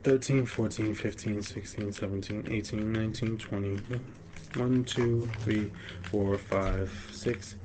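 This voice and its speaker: A man's voice: on the low side, fairly even intonation, unhurried. A young man chatting and counting blocks aloud while building in a game with a friend. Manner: counts blocks aloud, asks lots of questions, laughs easily. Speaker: gamer and friend of the host. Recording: noisy voice chat recording.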